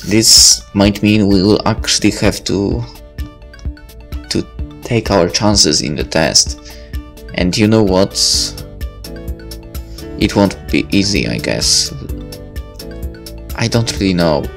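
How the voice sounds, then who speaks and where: A man's voice: slow pace, creaky, long pauses, soft background music. A man chatting casually as he plays through a visual novel, rambling along as he goes. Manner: chatty and rambling, with lively pitch swings. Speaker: game streamer. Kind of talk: casual let's-play commentary.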